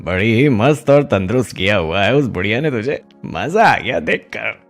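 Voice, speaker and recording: A man's voice: on the low side, very animated, moderate pace, vocal fry, soft background music. A man voicing a greedy, sly goat thief in a cartoon, wheedling and mocking. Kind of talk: cartoon voice acting.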